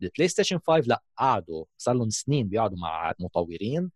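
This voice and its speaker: A man's voice: fairly low pitch, big pitch swings, very fast, no echo, studio quality. A man with a Levantine Arabic accent giving a casual explanatory tech talk as a gaming host, mixing in English terms.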